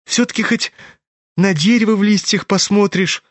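A man voicing a dying young man who speaks quietly and hoarsely, with a calm, ironic edge. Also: sits high, normal speed, dry recording, voice pushed up, close to an everyday voice. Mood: wistful.

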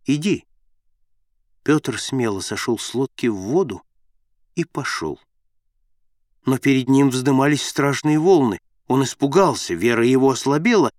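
A man reading a Bible story aloud in a measured, solemn narration. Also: mid-range voice, darkish tone, no echo, studio quality.

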